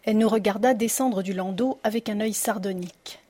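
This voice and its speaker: A woman narrating a detective story audiobook in a steady storytelling manner. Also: medium pitch, fairly quick.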